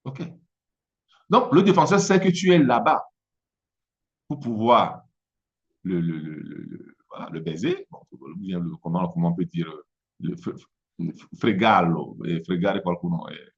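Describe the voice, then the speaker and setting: A Togolese business coach whose first language is Mina gives a halting motivational talk in French with an Italian-influenced accent, often repeating words as he searches for them. His low voice is animated and gravelly, and the recording is muffled.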